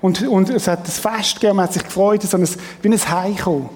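Pastor preaching in a reverberant church. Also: male voice, high-pitched, a little fast, a little mellow. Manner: earnest, plain-spoken preaching with rhetorical questions. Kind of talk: sermon. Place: church hall.

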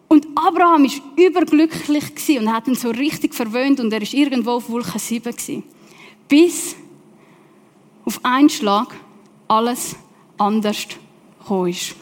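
A woman with a Swiss German accent preaching a sermon, telling the story with lively questions to her listeners. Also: high-pitched. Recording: long reverb of a large hall.

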